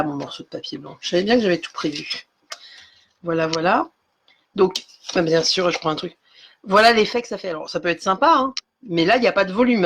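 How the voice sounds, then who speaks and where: A woman's voice: mid-range voice, slight background noise. A woman running a live craft demonstration at her desk, talking in a mid-range voice. She explains each step in a chatty, meandering way, full of fillers, and breaks off to greet viewers by name. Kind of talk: live-streamed craft tutorial.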